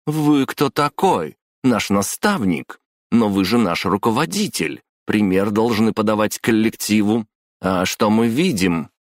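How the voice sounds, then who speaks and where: A man's voice: deep voice, big pitch swings, moderate pace, hardly any pauses, dry recording, studio quality, voice pushed up. A man reading a story, voicing a defiant young female office worker who talks sharply and venomously with a raised voice. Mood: slow menacing.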